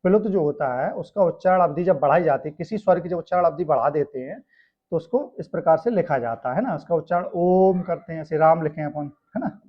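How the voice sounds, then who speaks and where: A man's voice: fairly high pitch, lively intonation, fairly quick. A male teacher from India explaining a grammar lesson step by step, often checking in with tag questions. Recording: dull lo-fi sound.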